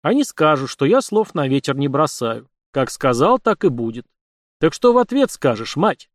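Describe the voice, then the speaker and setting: A man's voice: a little high, sing-song, moderate pace, no room sound, studio quality. A man doing a commanding young nobleman. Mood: assured. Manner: assured, matter-of-fact and commanding. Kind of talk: audiobook character voice.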